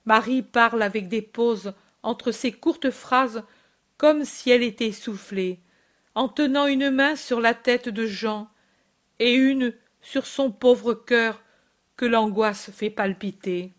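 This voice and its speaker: A woman reading a religious book aloud in a soft, measured way. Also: a little high. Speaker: narrator.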